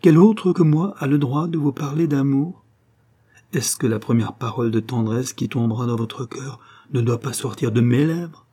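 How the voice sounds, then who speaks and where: A man's voice: mid-range voice, steady tone, moderate pace, few pauses, dark tone, slightly rough, natural voice. A man voicing an earnest young man declaring his love, with pleading, emphatic phrasing, in an audiobook reading. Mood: impassioned.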